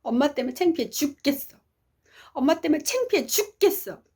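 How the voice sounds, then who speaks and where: A woman's voice: high-pitched, lively intonation, brisk, a little mellow, voice pushed up. A woman voicing an embarrassed, angry schoolgirl complaining to her mother. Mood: angry sulking. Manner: sulky complaining.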